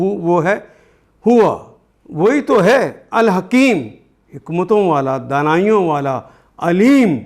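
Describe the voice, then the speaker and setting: An older Quran teacher with a Pakistani Urdu accent works through a translation word by word. His somewhat high voice is slow and deliberate, and he repeats each term while explaining it.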